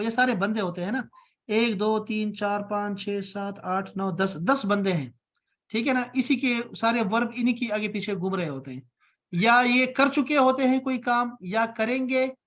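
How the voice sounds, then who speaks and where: A man's voice: very high voice, a bit bright. Man, patient teacher, encouraging, repeats points, online class. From Pakistan. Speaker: Arabic teacher.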